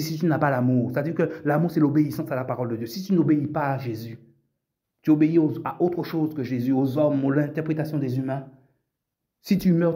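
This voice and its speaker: A man's voice: fairly high pitch, warm tone. A man preaching a sermon, insistent and repetitive, addressing his listeners directly as brothers and sisters.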